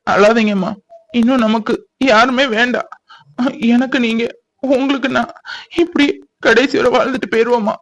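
A woman voicing a gentle, heartbroken young male doctor who speaks softly and consolingly. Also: on the high side, fairly even intonation, moderate pace, long pauses, natural voice. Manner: soft, consoling.

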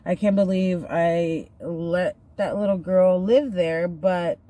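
Warm, lowish, and unhurried, this thirty-something vlogger's voice is captured by a phone camera at arm's length inside a parked car. She does her makeup while sharing a personal story, chatty and earnest, with plenty of fillers.

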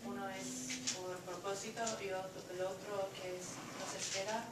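A woman student giving short, soft answers in class. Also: mid-range voice, flat delivery, normal speed. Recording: noisy echoey classroom from far off.

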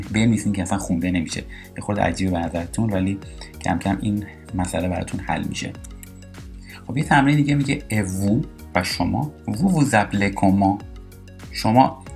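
In a recorded French lesson, a man explains pronunciation and repeats example words slowly. His voice is low and creaky.

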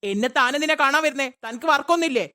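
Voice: high voice, racing, bright, forceful tone. A performer voicing a curt, irritable male office boss in a cartoon. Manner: curt, dismissive.

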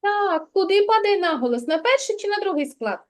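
A woman preschool teacher giving a kindergarten literacy lesson, prompting the child with slow, clear instructions. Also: extremely high pitch, expressive.

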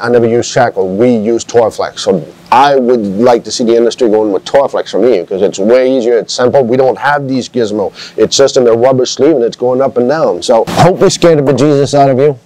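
A man's voice: medium pitch, brisk, a little mellow, low-quality recording. A man who works as an RV inspector, talking emphatically and a bit like a lecture in casual chat to camera.

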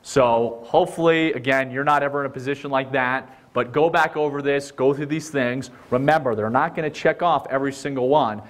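Middle-aged male instructor, conversational, acts out quotes, mid pitch. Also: brisk, hardly any pauses. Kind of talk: spoken teaching with personal stories.

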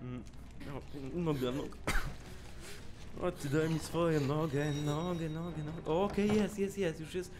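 A young man casually commenting on a video game as he plays, cracking jokes, swearing often and shouting at the screen when things get tense. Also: fairly high pitch, steady tone, measured pace, background noise. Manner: jokey, swears a lot, yells at the screen in tense moments. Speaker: let's play gamer. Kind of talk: casual let's play commentary.

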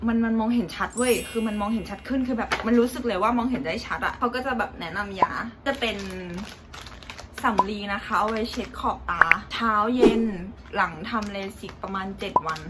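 A young woman vlogger telling a casual, animated story about her own experience, chatty and loose with slang. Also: medium pitch. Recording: loud background noise.

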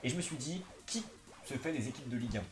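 A young man talks in a casual, slangy gaming-vlog style. His s sounds come out slightly lisped and slushy. His voice is mid-pitched, recorded in a roomy, echoey space with faint music behind. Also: lively intonation, fast. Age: young adult. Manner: slangy, chatty, informal. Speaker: gaming YouTuber, host. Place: small indoor room, seated on a couch.

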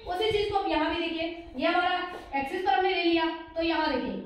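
High-voiced Indian woman teacher, very echoey. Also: a little fast. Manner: rhetorical questions answered at once, frequent "theek hai". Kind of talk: classroom lesson explanation. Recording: very echoey room.

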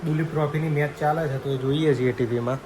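A man's voice: on the high side, fairly even intonation, fast talker, noisy background. A man vlogging casually from his family home, chatty and teasing, talking to his viewers while feeling a bit feverish. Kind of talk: casual family vlog narration.

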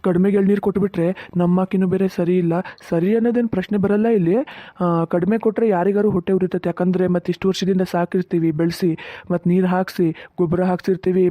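An actor voicing a fussy older village farmer, in a cartoon, grumbling and talking to himself fast. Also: medium pitch, flat delivery, mellow, dry recording, close to an everyday voice. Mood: muttering. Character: older village farmer with coconut grove, fussy, fretting about money. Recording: tinny narrow-band sound, dry.

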